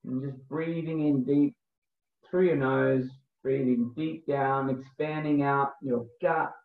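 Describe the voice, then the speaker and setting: Male meditation guide, mid-pitched, spaced instructional phrasing, thin roomy recording. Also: steady tone, creaky. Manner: slow, spaced instructional phrasing when guiding. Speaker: breathwork coach, guest. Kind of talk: guided breathing meditation, then casual explanation. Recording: thin phone-like sound, roomy echo.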